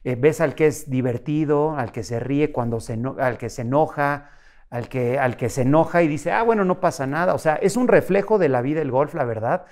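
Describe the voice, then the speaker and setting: A man with a Mexican accent, a guest in a casual interview, telling animated stories and acting out dialogue. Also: on the high side, a little fast. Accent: Mexican Spanish. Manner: animated, acts out dialogue with shifts in voice.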